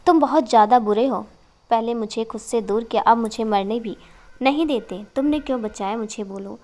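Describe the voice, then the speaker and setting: A woman's voice: on the high side, moderate pace, lightly acted. A woman voicing an emotional, playful young woman in love. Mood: tearful. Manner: tearful, then teasing.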